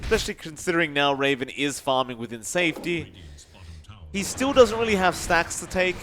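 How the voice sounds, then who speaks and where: A man commentating an esports match, calling the action quickly and rising in the fights. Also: on the high side, bright, forceful tone, slight background noise. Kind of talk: play-by-play commentary.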